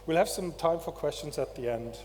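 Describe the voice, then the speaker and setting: A man's voice: a little high, animated, fairly quick, darkish tone, slight background noise. A man with a German accent giving a chatty conference talk as an industry analyst, filling gaps with ums and uhs. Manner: chatty, self-deprecating, many fillers. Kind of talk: conference presentation. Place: large conference stage. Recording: reverberant hall, faint ambience.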